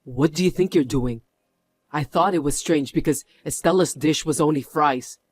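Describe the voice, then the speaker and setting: Guy doing a stern exec, firm and scolding, voice a bit high, dry close sound. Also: normal speed, dry recording, close to an everyday voice. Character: stern male company executive. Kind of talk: voiced story drama.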